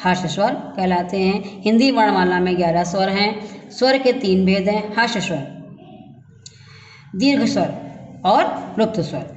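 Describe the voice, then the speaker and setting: A woman teaching a grammar lesson, asking questions and answering them herself, sounding out syllables slowly. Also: mid-range voice, a little mellow. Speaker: school teacher. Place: classroom or room at a school. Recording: dull echoey room recording.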